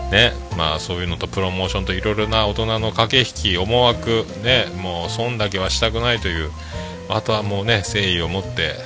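A man hosting a casual podcast, chatting and reading out listener messages, with frequent filler tags and self-deprecating asides. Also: fairly low pitch. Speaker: podcast host.

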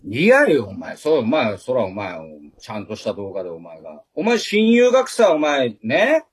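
A man's voice: mid-range voice, wildly swooping pitch, moderate pace, husky, dry recording. A man in his late forties from Fukuoka, speaking with a Hakata dialect and teasing an old friend in casual banter. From Fukuoka, Japan. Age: late 40s. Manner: teasing, playful, laughs often. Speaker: live house owner and co-host.

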